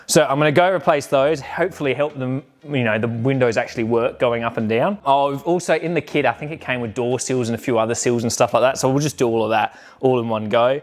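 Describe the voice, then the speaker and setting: A car restoration vlogger talks casually while working on a car in his garage, his mid-range voice moving a little fast with hardly any pauses. He's offhand and rambling, correcting himself as he goes.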